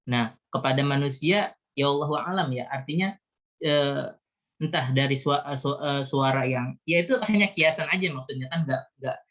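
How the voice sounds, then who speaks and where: A man in an online Quran study session, answering a question as a religious teacher in a measured, explanatory way. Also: medium pitch, fairly bright tone. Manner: measured, explanatory, tags phrases with "you see". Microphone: video call.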